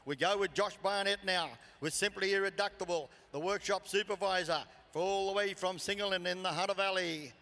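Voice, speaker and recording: A man's voice: sits high, steady tone, a little fast, few pauses, bright, forceful tone. A man with an Australian accent giving live campdraft commentary as an arena announcer over a PA. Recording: PA echoing through large arena.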